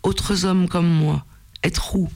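A man voicing a hulking, sorrowful turtle-man creature who speaks in broken, halting phrases with a rocky, rumbling voice. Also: steady tone, vocal fry, background noise, heavily acted. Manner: halting two-word phrases.

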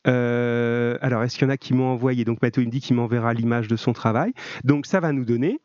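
A man's voice: mid-range voice, fairly quick, darkish tone, no room sound, lo-fi sound. Encouraging male teacher on a call. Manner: encouraging, chatty, many fillers. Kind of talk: live online grammar class.

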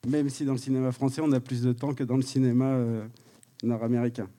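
A man co-hosting an onstage interview, asking long questions in a halting way with restarts. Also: mid-range voice, level tone, dark tone.

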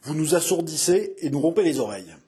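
A man's voice: on the high side, animated, quick pace, dark tone, slightly rough, voice pushed up. A man reading an audiobook voices a bold, swaggering nobleman swordsman, commanding and mocking. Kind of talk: audiobook character voice.

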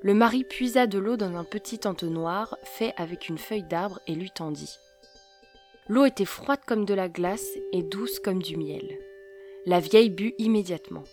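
A woman narrating a folktale in a measured, calm manner. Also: on the low side. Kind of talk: storybook narration.

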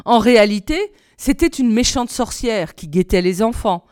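Smooth-voiced woman reading a fairy tale. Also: on the high side, lively intonation, moderate pace, darkish tone, no room sound, clean studio sound. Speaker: reader. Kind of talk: storybook reading.

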